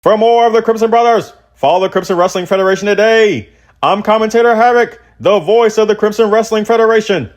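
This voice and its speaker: A man's voice: high-pitched, a little fast, natural voice. A man voicing a wrestling ring announcer, delivering a promo voice-over in announcer style. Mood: promotional.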